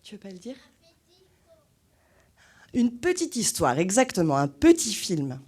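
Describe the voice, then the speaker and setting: Animated woman greeting children at a cinema. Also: medium pitch, measured pace, husky. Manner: animated, asks the children questions. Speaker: cinema host presenting a screening to children. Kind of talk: lively talk to young children. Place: cinema hall.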